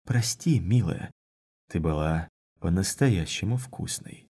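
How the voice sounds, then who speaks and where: A reader puts on a smug, unflappable male mage. His voice drops low and quiet, and every line comes out dry and mocking. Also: lively intonation, slow, background noise.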